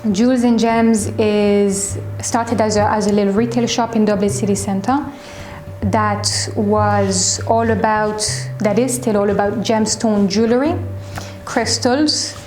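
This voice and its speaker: A woman in her twenties with a French accent, a shop owner answering interview questions in a reflective way, often pausing and restarting. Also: medium pitch, fairly even intonation, a little mellow, soft background music. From France. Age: 20s. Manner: reflective, hesitant with fillers and restarts. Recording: echoey room.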